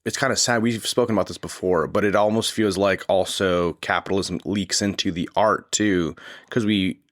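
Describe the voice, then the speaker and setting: A man's voice: low-pitched, steady tone, normal speed, no room sound, clean studio sound. A man hosting a podcast, asking questions and backing up his guest in an easygoing way. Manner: easygoing, affirming. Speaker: podcast host. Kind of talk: casual interview chat.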